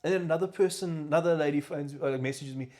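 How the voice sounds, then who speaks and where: A man's voice: a little high, quick pace. A South African man hosting a podcast, telling stories in a casual chat and acting out the voices of people he quotes. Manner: animated storyteller, acts out quoted voices. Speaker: podcast host.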